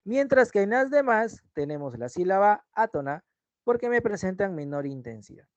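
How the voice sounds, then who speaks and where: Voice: medium pitch, big pitch swings, normal speed, dry recording, highs cut off. A teacher giving an online language lesson over a video call, explaining step by step and often checking in with short tag questions.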